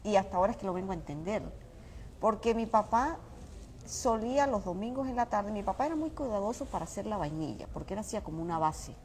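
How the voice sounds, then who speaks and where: A fast talker with an expressive, medium-pitched, slightly mellow voice, this woman is a small business owner from Mérida, Venezuela. She appears as a guest in a casual interview at a restaurant, telling personal stories over faint background noise.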